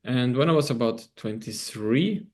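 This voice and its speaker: A man from Austria with a German accent, a guest on an online interview, talking loosely with pauses and frequent laughs. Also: medium pitch, darkish tone. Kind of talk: casual interview over video call. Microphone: video call.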